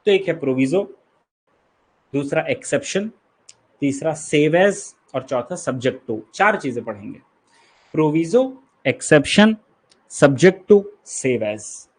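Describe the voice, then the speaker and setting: A man's voice: a little high, expressive, measured pace, breathy edge. A man from India with an Indian accent, teaching an online exam-prep lecture. He explains key terms patiently, repeats them, and keeps checking that the students follow. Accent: Indian English.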